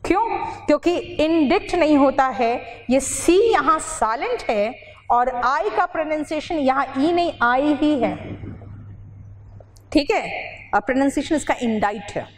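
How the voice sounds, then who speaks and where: A woman's voice: high voice, expressive, measured pace. A woman teaching English vocabulary in a classroom lecture. She asks her students questions and then answers them herself, and she mixes English phrases into her explanations. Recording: reverberant hall with faint noise.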